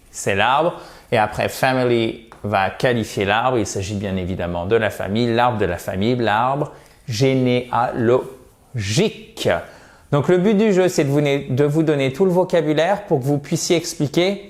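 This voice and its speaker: Guy from france teaching english words, super slow and drawn out, chatty asides in between. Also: medium pitch. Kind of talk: language lesson to camera.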